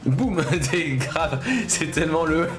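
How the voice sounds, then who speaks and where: A man streaming video games, chatting casually, reacting with quick jokes and frequent swearing. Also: on the high side, over music. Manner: reactive, swears, jokey asides. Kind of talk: casual gaming commentary.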